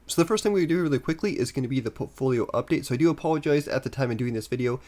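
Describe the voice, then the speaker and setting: A man's voice: mid-range voice, very fast, darkish tone. A man hosting a casual investing update, a bit stuffed up from a head cold, talking upbeat and straight to his viewers with plenty of fillers. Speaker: investing channel host.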